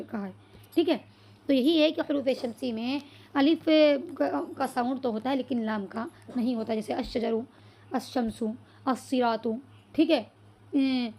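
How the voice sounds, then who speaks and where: A woman's voice: high voice, mellow. A woman teaching an Arabic lesson who asks questions, answers them herself and often checks whether the class has understood. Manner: checks understanding with "clear so far?"; spells out Arabic words slowly.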